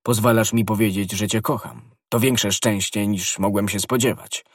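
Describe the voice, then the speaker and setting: A dashing, impulsive young guardsman speaking with ardour in an audiobook tale, as a man reads him. The voice is low and husky, set in a dry, close sound. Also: steady tone, normal speed, dry recording. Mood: ardent. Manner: ardent, impulsive. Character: bold, hot-headed young male guardsman.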